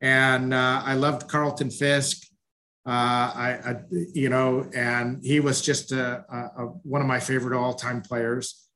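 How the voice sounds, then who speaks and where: A man's voice: medium pitch, level tone, slow, pushed and bright. A man from the Chicago suburbs, a coach guest in a casual interview, hesitant and friendly, with many restarts. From Chicago northwest suburbs. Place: at home, video call.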